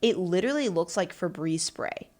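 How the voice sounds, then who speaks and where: A young woman rambles through a relaxed solo podcast monologue she hosts herself, chatty and full of fillers, asides, and self-talk. She speaks at a moderate pace in an expressive, lowish voice with a slightly mellow quality.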